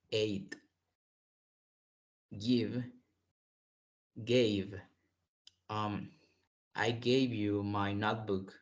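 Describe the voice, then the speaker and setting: A man teaching an online English lesson, explaining slowly and repeating words for pronunciation. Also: lowish voice.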